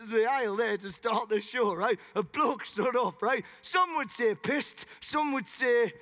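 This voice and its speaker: A man's voice: very high-pitched, a little slow, a bit bright. A male comedian with a Northern English accent doing improvised stand-up on a theatre stage, rambling between tangents and laughing at his own jokes. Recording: live theatre with audience noise.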